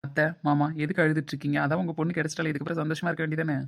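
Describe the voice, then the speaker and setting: A woman voicing a calm, kindly young husband in a homemade family drama, speaking gently and teasingly. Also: deep voice, rapid-fire, voice pushed down.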